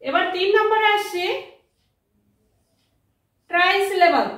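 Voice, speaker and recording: A woman teaching a grammar lesson, speaking slowly and spelling out words letter by letter. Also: very high-pitched, expressive, fairly bright tone. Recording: very echoey room, mic far off.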